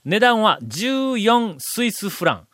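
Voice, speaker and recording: A high-pitched, animated man reads listener mail aloud as a podcast host, teasing his co-host between lines. His delivery is fast and swoops up and down, and the recording is close and dry. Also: no echo. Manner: playful, teasing, drawn-out fillers. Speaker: radio podcast host reading listener letters. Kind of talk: casual chat and letter reading.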